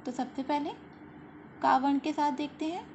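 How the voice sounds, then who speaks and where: A woman's voice: sits high, fairly even intonation, darkish tone. A woman teaching young children a school lesson, explaining patiently, stretching out syllables for them to repeat, and often checking in with "okay" and "very good". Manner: slow patient explaining, drawn-out sounds repeated; frequent "ठीक है" and "very good" checks. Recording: slightly dull lo-fi audio with faint hiss.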